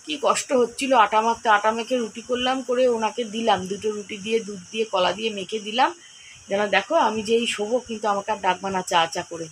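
A woman's voice: medium pitch, fairly even intonation, fast, slight background noise, poor audio. A woman, chatting casually at home about her day in a rambling, homely vlog style. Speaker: homemaker vlogger. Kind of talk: casual daily-life vlog narration. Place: at home, indoors.

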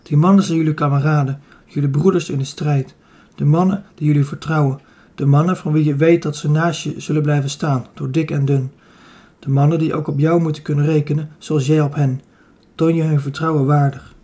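A man's voice: fairly high pitch, steady tone, fairly quick, warm tone, close to an everyday voice. A man voicing a young male commander who gives his soldiers a stirring, commanding speech. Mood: rousing.

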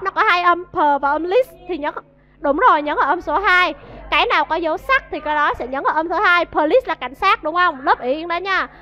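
High bright Vietnamese woman teaching class. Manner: coaxing, questions the class and drills pronunciation. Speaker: English teacher. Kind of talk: classroom vocabulary lesson. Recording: dull lo-fi audio.

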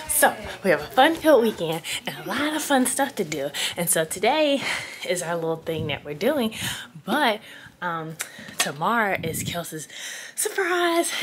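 Woman in her thirties, casual vlog chat, bright tone, lively pitch, exclaims and laughs. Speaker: friend planning a surprise.

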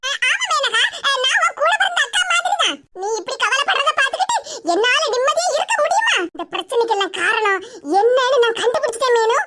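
A woman's voice: extremely high pitch, big pitch swings, fairly quick, hardly any pauses. Woman voicing a sly scheming village busybody. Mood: coaxing. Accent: Tirunelveli Tamil. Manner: sly sweet-talking, muttering asides. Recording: loud background noise.

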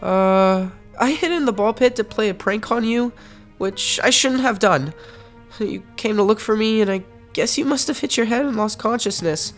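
An earnest young boy voiced by a woman for a comic dub. He sounds anxious yet brave, a little hesitant, with a highly animated pitch and faint music behind him. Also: normal speed, natural voice. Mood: apologetic.

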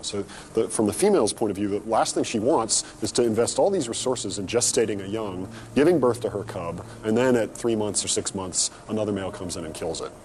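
A man's voice: on the low side, a little mellow, slight background noise. A man speaking off the cuff as an expert in a documentary interview.

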